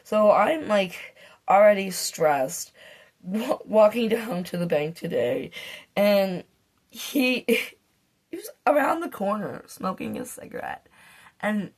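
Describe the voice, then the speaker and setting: A woman's voice: medium pitch, very animated, slow. A middle-aged woman vlogging a casual rant to camera, swearing heatedly and rambling with fillers and restarts. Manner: profane, heated ranting.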